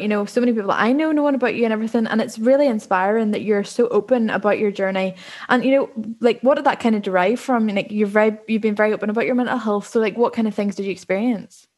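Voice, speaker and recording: A woman's voice: medium pitch, darkish tone. A woman hosting a podcast, asking rambling interview questions full of "you know" and "like". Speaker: podcast host. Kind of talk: interview questions in casual chat.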